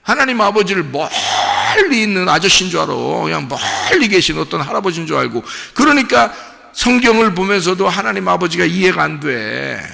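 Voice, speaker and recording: Gravelly, animated Korean pastor preaching. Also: male voice, a little high. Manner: lively, folksy preaching with acted-out dialogue, rising to shouts. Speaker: senior pastor. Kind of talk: sermon. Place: church sanctuary. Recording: long hall reverb.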